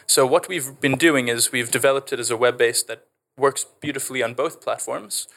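A man's voice: mid-range voice, moderate pace, gravelly, fairly bright tone. A man with a Canadian South African accent, an edtech founder explaining his work in a podcast interview with eager, fluent enthusiasm.

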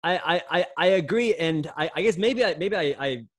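A man's voice: a little high, animated, moderate pace, no room sound. A young man, a former pro runner, chatting on a podcast and telling a long story with many restarts and fillers. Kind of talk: casual podcast chat.

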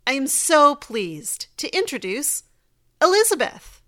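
A woman's voice: a little high, lively intonation, measured pace, fairly bright tone. A woman hosting a podcast, giving scripted introductions and asking interview questions. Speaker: podcast host, intimacy coach.

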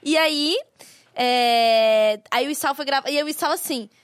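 Woman, podcast guest, high voice, matter-of-fact, dry close mic. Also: a little slow, no room sound. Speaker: podcast guest, advertising professional. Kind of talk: casual chat.

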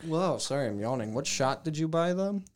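A man's voice: a little high, expressive, moderate pace. A man co-hosting a casual podcast, teasing his friends with dry jokes. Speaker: podcast co-host. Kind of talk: casual chat.

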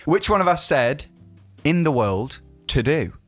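A man's voice: fairly high pitch, sing-song, a little slow, fairly bright tone, soft background music. A man hosting a casual podcast chat, teasing his guest and laughing often. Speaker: host.

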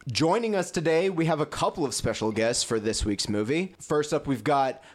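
A man's voice: on the high side, animated, moderate pace. A young man hosting a podcast, casual and profane, laughing as he talks. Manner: loose and profane, laughing often. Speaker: podcast host. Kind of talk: casual chat.

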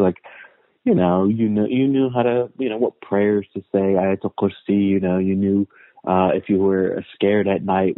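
A man's voice: low voice, no room sound. A man from the United States, a guest historian, talking in a casual interview with a thoughtful, storytelling manner and many restarts. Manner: thoughtful storyteller, frequent "uh" and repeated words. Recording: tinny phone-like line, dry.

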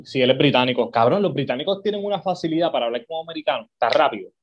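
A man's voice: medium pitch, racing. Profane man, lo-fi sound. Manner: profane, animated storytelling. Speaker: podcast co-host. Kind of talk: casual chat.

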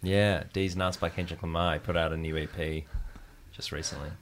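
A man's voice: low-pitched, steady tone, a little fast, slight background noise. A man hosting a casual radio show in a studio, teasing his co-hosts as he runs a quiz. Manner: upbeat, teasing quizmaster. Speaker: radio host.

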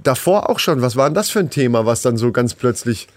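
A man's voice: medium pitch, lively intonation, brisk. A man co-hosting a podcast in casual, colloquial, joking banter. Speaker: podcast co-host.

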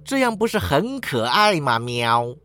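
A man's voice: a little high, very animated, measured pace, bright, forceful tone, heavily acted. A man reading a story, voicing a smug, lazy male talking orange cat that ends its lines with a meow.

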